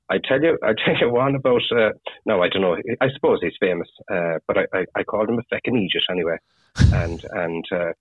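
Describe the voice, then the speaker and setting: A man with a west of Ireland, Galway accent telling anecdotes casually, in a husky, rambling, halting way with lots of "you know". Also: sits low. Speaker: fishing guide (gillie) interviewed as guest. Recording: tinny phone-like radio sound, roomy echo.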